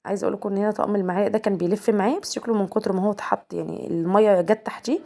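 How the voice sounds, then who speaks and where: This young woman, an Egyptian-accented homemaker vlogger, talks rapid-fire in a steady, mid-range voice that's creaky yet warm. In her casual home vlog she speaks straight to her viewers as girls and asks their opinion.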